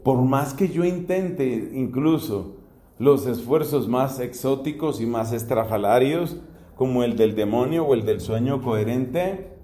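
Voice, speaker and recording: A middle-aged man from Colombia, a priest, giving a philosophy lecture in a slow, deliberate way with rising emphasis. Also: mid-range voice, lively intonation, warm tone. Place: classroom or hall. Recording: echoey room.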